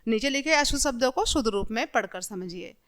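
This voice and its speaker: Clear, high-pitched woman teaching children. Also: expressive, brisk, fairly bright tone. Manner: patient explaining, addresses listeners as children. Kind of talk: classroom lesson for children.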